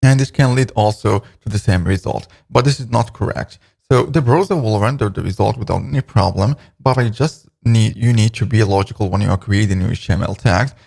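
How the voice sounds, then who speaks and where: A man's voice: fairly low pitch, fairly quick, vocal fry, hardly any pauses, a little mellow. A man talking through a coding tutorial step by step, often restarting with "okay, let's just". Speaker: coding instructor. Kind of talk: screen-recorded coding tutorial.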